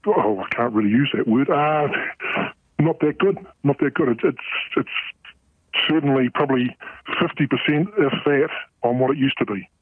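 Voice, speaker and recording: A middle-aged man, a port worker in a radio news interview, his voice disguised to hide his identity, speaking haltingly with many fillers and restarts. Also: medium pitch, no echo. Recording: tinny phone-like line.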